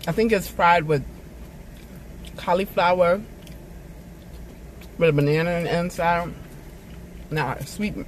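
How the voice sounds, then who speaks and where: A man's voice: sits high, takes it slowly, pauses often, a little hiss or hum, poor audio. A man vlogging a meal, chewing food as he talks and humming between bites. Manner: talks between bites, many appreciative hums. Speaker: mukbang vlogger. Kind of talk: casual food vlog. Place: inside a car. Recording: faint car ambience.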